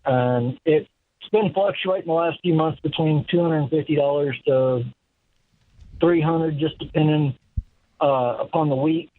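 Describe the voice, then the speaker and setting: A man's voice: fairly high pitch, measured pace, no echo. A man calling in over the phone, polite and a little hesitant, saying "yes, sir". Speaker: caller. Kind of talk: casual call-in chat. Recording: tinny phone line.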